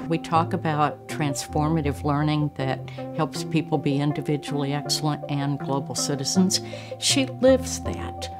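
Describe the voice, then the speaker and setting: A woman's voice: sits low, unhurried, music in the background. A woman speaking as a university leader in an interview, emphatic on key words.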